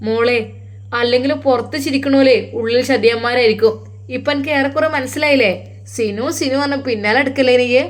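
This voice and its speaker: A woman's voice: high-pitched, fairly even intonation, brisk, close to an everyday voice. A woman voicing a caring, protective middle-aged mother who comforts and scolds, with a Malappuram Malayalam accent. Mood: soothing. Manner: soothing, firm.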